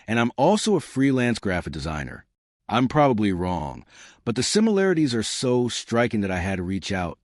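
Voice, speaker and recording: A man's voice: fairly low pitch, dry recording, studio quality. A man reading the message of a young woman designer, hesitant and apologetic.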